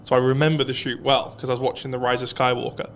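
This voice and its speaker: A man's voice: mid-range voice, level tone, fast talker, a little hiss or hum. A man, co-hosting a casual podcast with playful, self-mocking jokes. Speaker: co-host.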